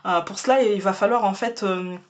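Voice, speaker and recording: A woman in an easygoing tarot reading, talking to her viewers at an ordinary, mid-range pitch. She pauses often, repeats words and fills the gaps with little hums, and she keeps a chatty, reassuring tone. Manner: hesitant, many fillers and repeated words. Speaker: tarot card reader. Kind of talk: casual monthly tarot reading to camera.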